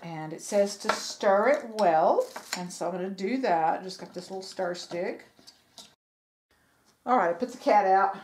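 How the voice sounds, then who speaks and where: A woman's voice: medium pitch, lively intonation, unhurried, background noise. A woman narrating a home furniture refinishing project in a casual, rambling way, with fillers and self-corrections, recorded on a camera mic in her sewing room. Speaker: DIY furniture vlogger. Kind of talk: casual how-to narration while working.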